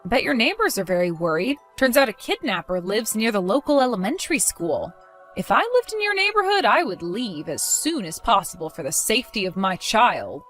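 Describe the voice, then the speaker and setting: A woman's voice: mid-range voice, very animated, fairly quick, a bit bright, faint music behind. A woman voicing a protective young mother in a dramatized story, accusing and sarcastic.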